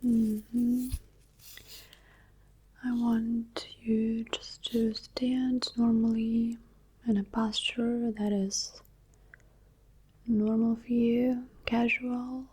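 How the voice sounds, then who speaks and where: Close to the microphone, with faint noise behind her, a woman whispers and speaks breathily in an ASMR roleplay as medical specialists. Her voice is husky, on the high side, and fairly flat in pitch; she's unhurried, gentle, and reassuring, offering close-up attention and softly asking "okay."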